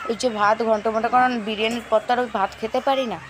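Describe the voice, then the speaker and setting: A woman in her thirties with a hoarse voice, chatting to viewers in a casual vlog voice-over. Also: a little high, steady tone, very fast, noisy background. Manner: chatty, addresses viewers directly. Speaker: vlogger.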